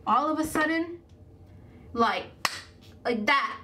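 A woman's voice: high-pitched, slow, sharp tone, a little hiss or hum. A young woman, a makeup vlogger, telling a dramatic story in a rambling way, full of "like". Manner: rambling, filler-heavy, lots of "like"; breathless, dramatic retelling. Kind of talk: casual storytelling while doing makeup.

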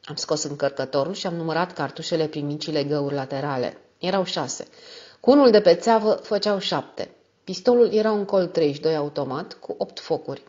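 A woman narrating an audiobook in a steady, even reading style. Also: sits low. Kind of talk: scripted narration. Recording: dull lo-fi audio.

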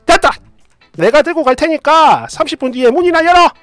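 A woman voicing a sharp-tongued older mother-in-law who scolds and grumbles. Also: high-pitched, lively intonation, a little fast, dry recording, soft background music, voice pushed up. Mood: scolding.

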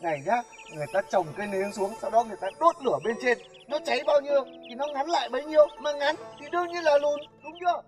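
An actor playing a boastful young village student who talks in a cocky, teasing way and tells stories quickly, with faint music behind. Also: male voice, very high-pitched, expressive. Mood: smug. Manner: cocky, teasing, fast storytelling.

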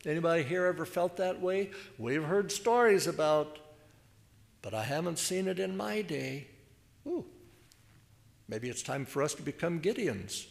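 Older male preacher, slow and chatty, fairly high voice, dry humor. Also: lively intonation, creaky. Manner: conversational and wry, with self-deprecating asides. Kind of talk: sermon with scripture reading. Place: church.

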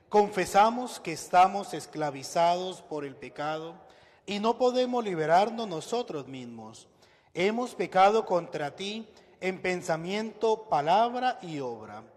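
Male minister, solemn and measured, high voice in a big echoing church. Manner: solemn, measured liturgical delivery. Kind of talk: leading a church service. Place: large church. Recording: long reverb in a large church hall.

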